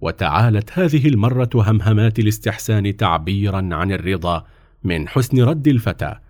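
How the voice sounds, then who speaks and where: A man's voice: lowish voice, brisk, dry recording, clean studio sound. A man narrating a storybook expressively and voicing each character himself. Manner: expressive, voices every character.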